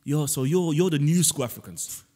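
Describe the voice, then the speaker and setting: A man's voice: on the high side, normal speed. Playful man hosting a comic chat. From Senegal. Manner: playful, teasing, animated storytelling. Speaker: podcast host. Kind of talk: casual comedic chat. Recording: roomy long reverb.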